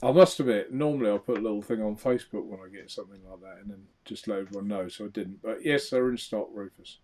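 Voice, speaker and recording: A man's voice: on the low side, fast talker, a little mellow. A man co-hosting a casual live vape show, reading out viewer comments and laughing often. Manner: chatty, laughs often, trails off into mumbles.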